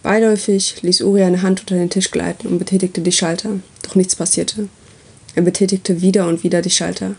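A woman reading a story aloud as its narrator, with steady, even delivery. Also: lowish voice, a little fast, vocal fry, husky.

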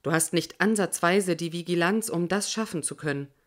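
Woman reading a laid-back blunt guy in an audiobook, lowish voice. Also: moderate pace, natural voice. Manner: relaxed, blunt. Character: relaxed, dryly blunt male companion.

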